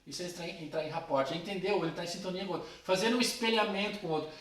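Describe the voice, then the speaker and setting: A man's voice: high-pitched, rapid-fire, a bit bright. A man teaching a philosophy class in a casual way, talking straight to his students. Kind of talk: recorded class lecture. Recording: roomy, from a distance.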